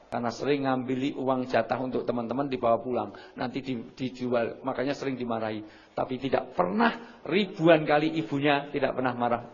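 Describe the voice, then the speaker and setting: Man, lively storytelling lecturer on parenting, faintly dull lo-fi sound, middle-pitched voice. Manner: lively storytelling, often says sorry before points. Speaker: speaker on parenting and family values. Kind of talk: religious parenting lecture to an audience.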